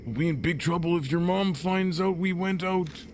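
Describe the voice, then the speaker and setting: A man voicing an excitable, round young male idol fan with a strained, geeky voice in a visual novel game read-through. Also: normal speed, slight background noise, lightly acted. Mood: eager, chatty. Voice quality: strained, high-pitched geeky voice.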